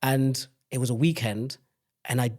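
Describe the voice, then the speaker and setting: A young man from the United Kingdom, medium-pitched and a little mellow, speaks at normal speed with fairly even intonation. He's a podcast guest telling personal stories candidly and reflectively, often restarting as he goes.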